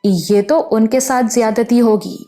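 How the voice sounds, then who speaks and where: A woman's voice: on the high side, mellow, faint music behind, lightly acted. Woman reading as a shy, innocent young woman. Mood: hesitant. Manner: hesitant, shy, stammering. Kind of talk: audiobook character voice.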